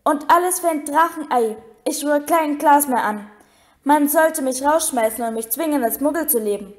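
A woman's voice: high voice, normal speed, close to an everyday voice. A woman reading aloud as a big tearful groundskeeper, blunt and colloquial, her voice slightly raised. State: crying. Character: sobbing remorseful giant male groundskeeper.

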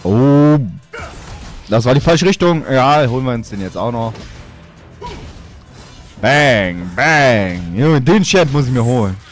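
Male let's player: slow, lively-pitched, cocky trash-talking gameplay commentary. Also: soft background music. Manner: playful boastful trash talk.

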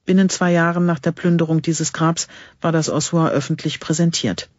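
A man reading the part of an eager, secretive male archaeologist in an audiobook, with a husky voice. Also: on the high side, flat delivery, normal speed, dry recording, natural voice. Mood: explaining. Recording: dull lo-fi recording.

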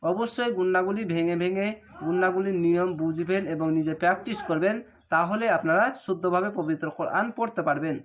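A man teaching Quran reading, speaking with a Bangladeshi Bengali accent. He spells out the syllables slowly and then chants the whole words. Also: sits high. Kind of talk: step-by-step recitation lesson.

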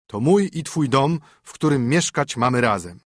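A man's voice: mid-range voice, expressive, moderate pace, no room sound, studio quality, voice pushed up, natural voice. A man reading a fairy tale audiobook, voicing a stern poor minstrel husband who commands and scolds his wife. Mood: scolding.

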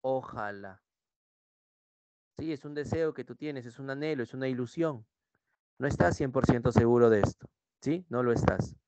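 A man's voice: mid-range voice, moderate pace, pauses often, a little mellow, dry recording. A young male pre-university language teacher with a Peruvian Spanish accent, lecturing an online class and repeatedly checking in with students. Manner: repetitive, checks in with students using "¿sí?".

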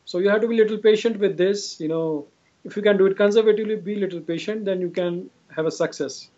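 A man in his forties with an Indian accent talks fast in a high, dark voice while explaining his clinical work in an interview. He repeats himself and says "you know" a lot; the video call from an indoor room, with the device at arm's length, sounds dull and lo-fi.

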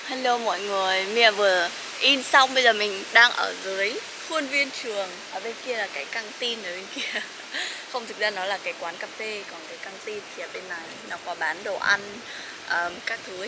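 A woman's voice: medium pitch, a little fast, heavy background noise. Chatty young woman vlogging. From Vietnam. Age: young adult. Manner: chatty, many fillers, laughs often. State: sleepy. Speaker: vlogger, master's student. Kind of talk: casual vlog chat.

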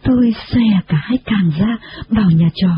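A woman narrating a storybook in an expressive, dramatic manner. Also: mid-range voice, moderate pace, slight background noise. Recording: dull lo-fi recording.

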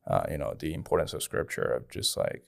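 A man in his twenties from Dalian, China, with a Chinese accent, casually tells his personal story as a guest in a small indoor podcast studio. His voice is extremely low with vocal fry, a brisk pace, and lively intonation. He's recorded close on a boom-arm studio microphone.

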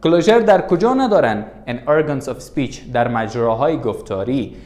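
A man teaching as a language tutor, saying each letter twice with slow, deliberate drilling and asking questions he answers himself. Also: medium pitch, animated, a little mellow. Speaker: English tutor. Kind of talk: classroom language lesson.

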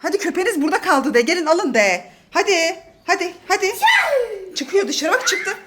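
A woman's voice: very high voice, lively intonation, normal speed, heavy background noise. A mother in her thirties filming her kids at home, flustered and laughing as she urges them on. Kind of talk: casual family vlog. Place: apartment home indoors.

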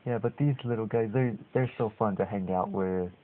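A man's voice: on the low side, normal speed. A man hosting a casual video at home, talking to his dogs in affectionate puppy talk. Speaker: video host. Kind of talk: casual vlog talking to pets. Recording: tinny phone-like lo-fi audio.

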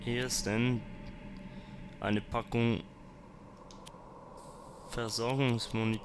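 A man's voice: mid-range voice, little pitch movement, extremely slow, background noise. A man commenting on his gameplay, talking to zombies and to himself and swearing when startled. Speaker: let's player.

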